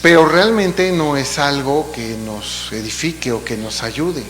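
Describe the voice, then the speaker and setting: A man's voice: fairly high pitch, unhurried, fairly bright tone, faint music behind. A man preaching a sermon in a church, explaining in a conversational way with asides and rhetorical questions. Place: church hall. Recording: long hall reverb, faint hum.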